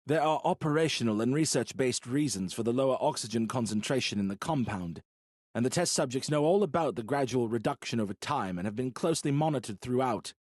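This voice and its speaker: A calm, earnest leader , as a male narrator voices him, explains the risks in a steady, patient way. His pitch sits in a middle range, a touch above the narrator's own, and the recording is close and dry. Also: dry recording, natural voice.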